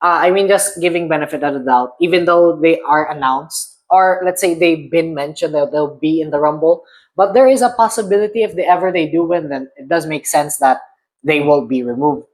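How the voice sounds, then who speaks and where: A man's voice: fairly high pitch, a little fast, rough recording. A young man with a Filipino accent, co-hosting a casual podcast, who talks in a hesitant, hedging way full of fillers. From Philippines. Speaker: podcast co-host. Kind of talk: casual chat.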